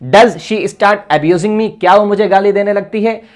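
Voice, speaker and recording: A man from India gives a spoken English grammar lesson in a high voice. He slowly reads English example sentences aloud, translates each one, and then offers encouraging advice.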